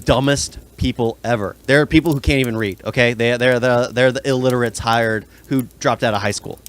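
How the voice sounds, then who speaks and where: A man chatting casually on a podcast, blunt and rambling, with plenty of restarts. His voice sits at an ordinary middle pitch for a man. He complains openly about his coworkers. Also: fairly even intonation, a little fast, clear, resonant tone. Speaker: podcast co-host. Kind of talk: casual chat.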